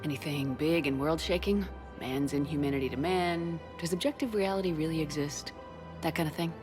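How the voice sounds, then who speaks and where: An actress playing a firm, dry-witted military commander in a video game, direct and assured. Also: female voice, low voice, a little fast, music in the background, close to an everyday voice. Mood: wry.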